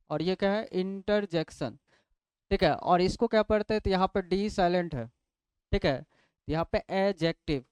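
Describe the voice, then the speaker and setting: A man's voice: high voice, a little mellow, smooth, no echo. A man teaching English grammar in a classroom lecture, asking questions and answering them himself step by step. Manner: explains step by step, asks and answers his own questions.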